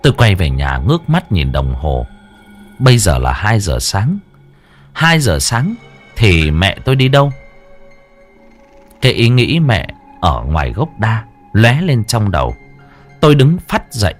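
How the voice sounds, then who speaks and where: Male horror narrator, low, very animated delivery, faint music bed. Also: measured pace, long pauses. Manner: dramatic, tense storytelling with wide swings in pitch. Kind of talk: scripted horror story narration. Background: faint background music.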